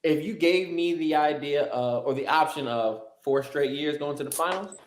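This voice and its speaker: Animated, profane man in an echoey room. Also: a little high, moderate pace. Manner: animated, profane, joking rants. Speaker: guest. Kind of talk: casual sports podcast chat. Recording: roomy echoey sound.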